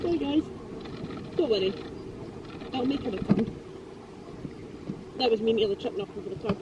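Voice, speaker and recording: A woman's voice: a little high, moderate pace. A young Scottish woman chatting casually to camera in a vlog, gushing and full of fillers. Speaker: travel vlogger. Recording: dull lo-fi sound with clear background noise.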